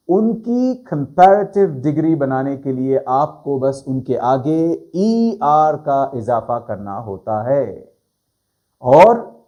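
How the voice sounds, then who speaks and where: A man teaching grammar to a video audience, his fairly high voice swinging up and down on every point. He draws out key words for stress, and his tone stays mellow and soft-edged. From South Asia. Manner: explains slowly, stretches and stresses words. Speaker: English teacher. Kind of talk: grammar lesson.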